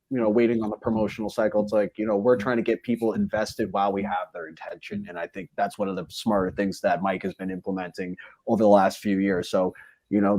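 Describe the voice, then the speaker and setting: A man's voice: lowish voice, vocal fry, dark tone, dry recording. A man from a fight promotion, a podcast guest, talking at length in a casual interview with many fillers. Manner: talkative, rambling with many fillers.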